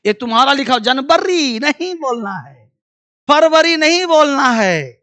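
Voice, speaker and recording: A man's voice: very high voice, very animated, moderate pace, pushed and bright. A man teaching an English lesson in a classroom style, drilling words aloud and repeating them with a commanding manner.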